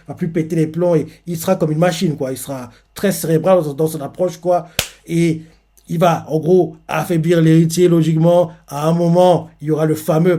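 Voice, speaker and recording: A man's voice: fairly high pitch, warm tone. A man hosting a reaction video who reads a comic chapter aloud and retells its scenes in a rambling way, full of fillers. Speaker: manga reaction host. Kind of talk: reading and commenting on a comic chapter.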